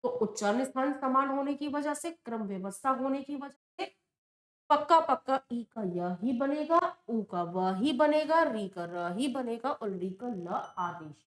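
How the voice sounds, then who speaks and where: At a board, a woman teaches a Sanskrit grammar lesson for exam prep, patiently posing questions to the class and answering them herself. Her voice is on the high side and expressive, her pace measured, and the sound roomy.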